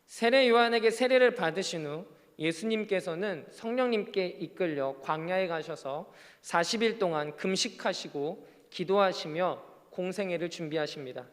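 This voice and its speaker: A man's voice: high voice, moderate pace, big-room sound. A male pastor preaching a sermon in an earnest style, with rising and falling emphasis. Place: church sanctuary.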